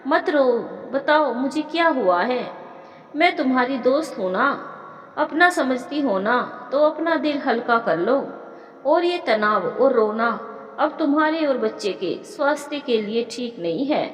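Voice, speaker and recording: A woman voicing a caring young married woman who speaks in a gentle, reassuring way. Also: high voice, animated, measured pace. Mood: coaxing. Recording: echoey room with long reverb.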